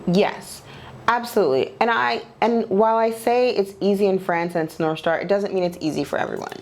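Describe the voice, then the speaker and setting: A woman's voice: medium pitch, a little fast, a little mellow. A woman in her forties from Nigeria, a podcast guest speaking candidly and reflectively at home, with a loose, open way of talking. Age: 40s. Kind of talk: candid personal conversation.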